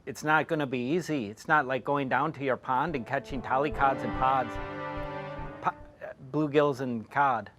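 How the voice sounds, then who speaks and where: An actor playing a gruff shark hunter, reading his lines flatly in his own plain voice and stumbling over them. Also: mid-range voice, music in the background, natural voice. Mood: halting. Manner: flat, halting line reading in his plain voice. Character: gruff middle-aged male shark hunter, flat and halting. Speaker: performer doing a movie scene reenactment.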